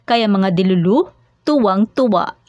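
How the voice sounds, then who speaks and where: A woman reading scripted narration for a fan channel in a steady, explanatory way. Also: medium pitch, unhurried, no room sound, muffled recording.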